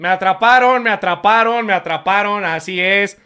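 A young man with a Mexican Spanish accent reacting to clips on a live stream in casual chat, loud and crude, laughing often. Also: sits high, normal speed, smooth.

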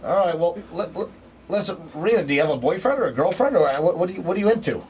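A man's voice: sits high, lively intonation, fast, darkish tone, far from the mic, a little hiss or hum, low-quality recording. A man hosting a morning radio show, brash and teasing, often laughing as he talks.

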